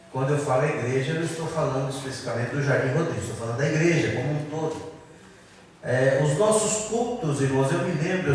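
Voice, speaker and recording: A man's voice: a little high, slight background noise. A man with a Brazilian Portuguese accent preaching a sermon as pastor, leading his congregation in call and response. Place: large church hall. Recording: echoey church hall, distant mic.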